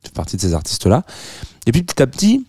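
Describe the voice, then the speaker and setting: A man's voice: mid-range voice, huge pitch swings, rapid-fire, warm tone, slightly rough, no room sound, studio quality. A man in his thirties hosting a radio show, chatting casually with lots of hesitant fillers, restarts and self-mocking asides. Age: 30s. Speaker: radio host. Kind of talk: casual radio chat introducing a track.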